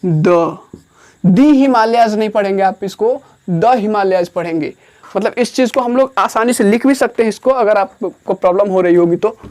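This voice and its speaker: A man's voice: high-pitched, moderate pace, a little mellow. Male Indian teacher, patient classroom explainer who repeats himself and dictates words one at a time. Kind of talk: classroom grammar lesson.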